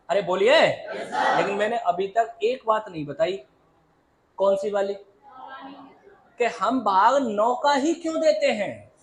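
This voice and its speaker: A man teaching a math lesson in a classroom, lively and always asking the students to answer aloud, calling them "beta". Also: high-pitched, a little hiss or hum. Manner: calls students "beta" and "babu".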